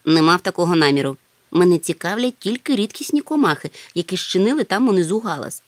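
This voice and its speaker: A woman voicing a slow-witted, mild-mannered male creature obsessed with rare insects, who mutters to himself. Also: on the low side, animated, dry recording, lightly acted. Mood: pedantic.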